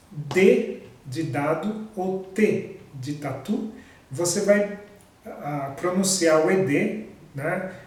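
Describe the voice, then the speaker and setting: A man teaching a pronunciation lesson, speaking slowly and repeating each example word with patience. His voice sits a little high for a man and sounds distant, in a very echoey room. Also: a little mellow. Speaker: English teacher.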